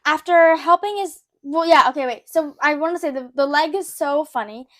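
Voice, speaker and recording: A woman's voice: high-pitched, moderate pace. A young woman co-hosting a podcast, chatting casually with lots of fillers and reading plot summaries. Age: young adult. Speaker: podcast co-host, daughter.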